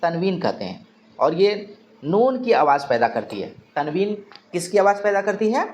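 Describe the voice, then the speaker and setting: High-voiced man teaching a grammar lesson. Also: sing-song, moderate pace. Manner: asks questions and answers them himself, repeats key terms. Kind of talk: exam-prep grammar lesson.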